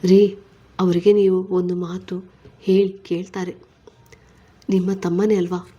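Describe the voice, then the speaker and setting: A woman's voice: fairly low pitch, little pitch movement, a little slow, warm tone, slightly rough, muffled recording. A woman reading a story, voicing a caring young wife who coaxes and soothes her husband. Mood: coaxing.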